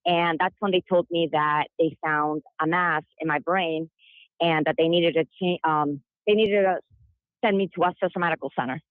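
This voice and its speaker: A woman's voice: deep voice, steady tone, moderate pace, no echo, phone-quality sound. A woman from Chile, a guest on a podcast, telling her personal story earnestly with some fillers. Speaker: interview guest.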